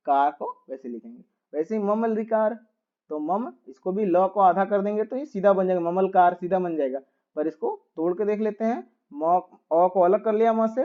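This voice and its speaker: A man's voice: sits high, phone-quality sound. A man teaching a grammar lesson, patiently repeating each step and asking rhetorical questions as he writes on a board.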